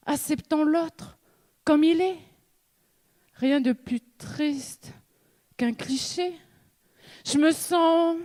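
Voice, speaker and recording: Young woman from new caledonia giving a contest speech, slow and deliberate, high-pitched, lots of rhetorical questions. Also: a little mellow. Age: young adult. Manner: slow measured delivery with dramatic pauses; rhetorical questions and repeated refrains. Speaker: student contestant. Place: stage in a hall before an audience.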